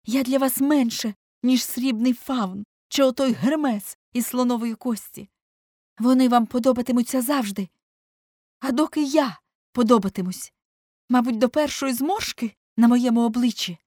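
A woman's voice: medium pitch, fairly even intonation, measured pace, darkish tone, no echo, voice pushed up, close to an everyday voice. Woman doing a young pretty boy freaking out about getting old, voice pushed way up, dry sound. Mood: bitter. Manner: impassioned, rising to pleading outbursts. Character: young handsome man, anguished, vain, fearing age.

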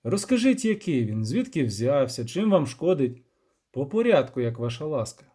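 Male reader as steady, polite monster hunter, even and patient. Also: medium pitch, husky. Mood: calm. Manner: calm, measured and polite.

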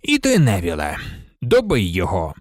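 Calm kindly male teacher, as the reader puts him on, lower soft voice, lively rise and fall, dry sound. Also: slow pace, no room sound, heavily acted. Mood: urging. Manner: lower, softer voice.

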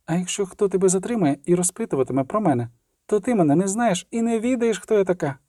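A man voicing a bold, quick-witted young swordswoman who speaks tensely and urgently. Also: high-pitched, expressive, warm tone, no room sound, studio quality, pitched above the performer's own voice. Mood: urgent hushed.

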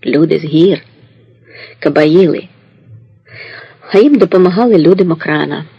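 A wise old goatherd who talks calmly and in measured sayings, as a male reader plays him. The voice is gravelly and husky, and fairly high for a man. It comes across dry and slightly muffled. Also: no room sound, heavily acted. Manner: calm, measured and proverb-like.

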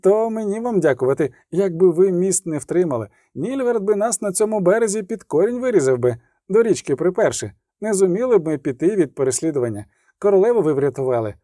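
A man voicing a chatty, raised-pitch army field medic. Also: sing-song, mellow, dry recording, clean studio sound. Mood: chatty, reassuring. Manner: chatty, deferential, slow and soothing.

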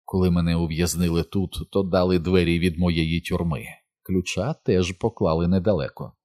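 A man voicing a proud, quietly menacing male fallen angel in an audiobook, speaking softly and suavely. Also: low-pitched, fairly even intonation, no echo, close to an everyday voice. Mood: silky. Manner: soft, suave and measured.

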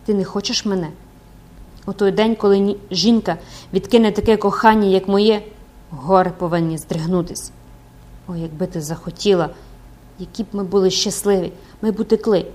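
A woman's voice: on the low side, darkish tone, close to an everyday voice. A woman reading a tormented, obsessed priest. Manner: pleading, passionate. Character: obsessed middle-aged male priest, desperate and tormented. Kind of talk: audiobook character reading.

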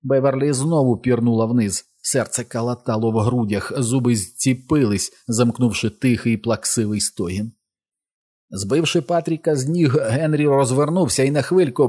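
A man reading a novel aloud as an audiobook narrator, in a measured, dramatic way. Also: mid-range voice, dark tone.

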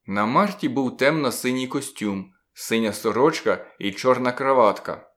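Casting note: a male audiobook narrator with a mid-pitched voice, calm and measured first-person detective narration.

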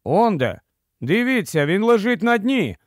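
A man reading the part of a bold, enthusiastic young king in a storybook, speaking with excitement. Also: high-pitched, measured pace, dry recording, studio quality, voice pushed up. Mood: excited.

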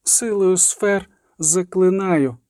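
A man's voice: high-pitched, steady tone, measured pace, dark tone, dry recording, clean studio sound, voice pushed up. A man doing a desperate young sorceress. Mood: commanding.

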